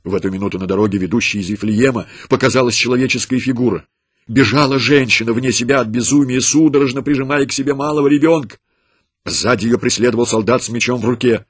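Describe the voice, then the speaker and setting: Male narrator, husky and dry, solemn dramatic reading of a sacred story. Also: mid-range voice, fast talker, dry recording.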